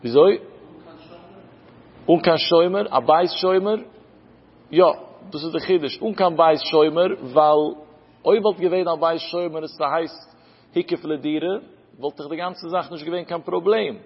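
A man's voice: a little high, creaky, slightly rough. A man giving a Talmud lecture, explaining step by step and asking and answering his own questions. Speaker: Talmud teacher. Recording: lo-fi recording with long hall reverb.

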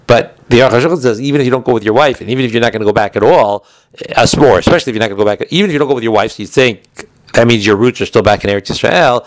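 A man with a medium-pitched voice talks rapid-fire in a dry recording. He teaches an informal religious law class, wandering off on tangents as he explains texts, often rephrasing and asking himself questions.

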